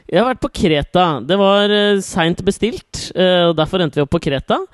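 A man's voice: high-pitched, expressive, no echo, studio quality. A man, co-hosting a podcast and bantering sardonically, with some swearing. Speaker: podcast co-host. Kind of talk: casual chat.

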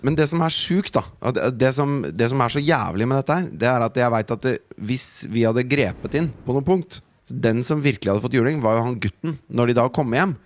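A man's voice: medium pitch, few pauses, dry recording. A man, co-hosting a podcast and telling a story in an indignant, profane way. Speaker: podcast co-host. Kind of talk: casual chat.

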